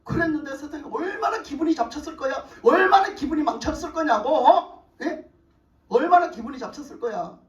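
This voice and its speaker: A woman's voice: high-pitched, expressive, fairly quick. A woman pastor preaching a sermon emphatically, prodding the room with rhetorical questions. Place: church sanctuary. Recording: echoey church, distant mic.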